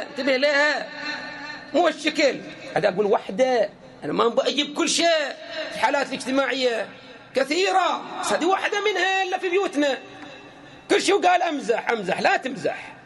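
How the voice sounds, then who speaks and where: A man delivers a sermon in a strikingly high voice that leaps up and down. He addresses his listeners head-on, jokes with them and acts out the exchanges he describes. His delivery stays animated throughout. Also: gravelly. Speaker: preacher. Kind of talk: lively sermon to a congregation.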